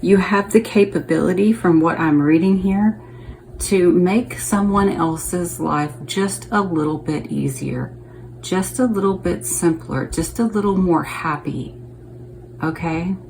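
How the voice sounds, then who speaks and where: A woman's voice: fairly low pitch, measured pace, a little mellow, slight background noise, low-quality recording. A woman giving a casual, chatty tarot reading to her viewers, thinking aloud and checking in with them as she goes. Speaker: tarot reader.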